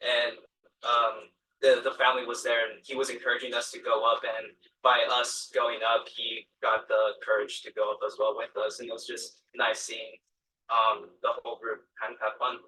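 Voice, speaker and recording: A teenage boy telling a meeting about his program, pausing often with "um" and restarting his sentences. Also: medium pitch, flat delivery, crowd noise. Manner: hesitant, many "um"s and restarts. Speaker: student presenter. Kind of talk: casual speech at a meeting. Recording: distant room mic.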